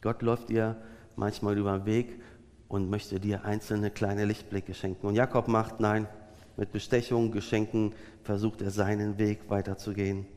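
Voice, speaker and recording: A man giving a sermon, retelling a story with lively swings between loud and quiet. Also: on the low side, normal speed. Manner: animated retelling with sudden swings in loudness. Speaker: preacher. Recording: long reverb of a large hall.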